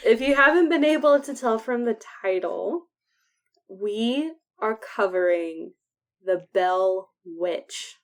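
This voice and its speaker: A woman with a mid-pitched voice and a whistling S co-hosts a casual podcast. She talks informally, like someone chatting with friends. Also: slow pace. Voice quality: whistling s sounds. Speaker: podcast co-host.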